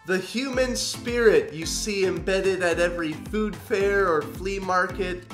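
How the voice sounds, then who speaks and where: Young man, reaction host, higher-pitched, sarcastic and amused, music playing behind him. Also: unhurried, fairly bright tone. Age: young adult. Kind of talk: wry reaction commentary.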